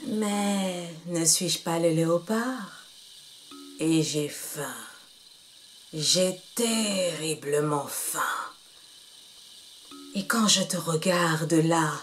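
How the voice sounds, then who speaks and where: A woman voicing a hungry, menacing male leopard in a slow, low drawl. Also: slight background noise. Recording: music playing behind.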